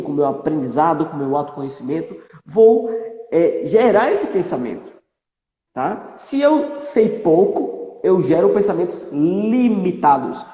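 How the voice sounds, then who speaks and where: A man's voice: fairly high pitch, warm tone. A man explaining ideas step by step like a teacher, often checking that listeners understand. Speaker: presenter explaining thought cycles. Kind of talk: explanatory talk with slides. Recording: roomy with long reverb.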